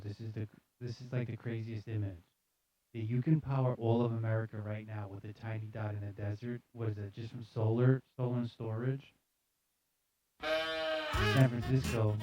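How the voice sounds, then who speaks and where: A man with a mid-range voice hosts a live, casual comedy news show, reading headlines and riffing on them with sarcastic, mock-serious repetition. The recording is rough, and music plays behind him.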